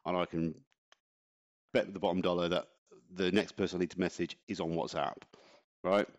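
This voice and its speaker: Deep-voiced man ranting on a podcast. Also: little pitch movement, moderate pace, muffled recording. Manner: chatty, ranting, laughs often. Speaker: podcast co-host. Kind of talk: casual chat.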